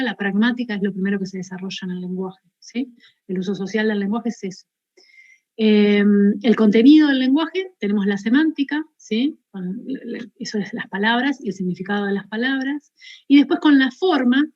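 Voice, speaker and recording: A woman's voice: medium pitch, a little mellow, muffled recording. A woman with an Argentine accent giving a university lecture, explaining step by step and checking in with her listeners. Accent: Argentine Spanish. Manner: explanatory, peppers points with questioning "¿sí?".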